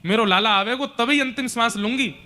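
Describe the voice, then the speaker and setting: A man's voice: extremely high pitch, brisk, pushed and bright, pitched above the performer's own voice. A man voicing a grieving, tender mother who pleads tearfully. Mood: pleading.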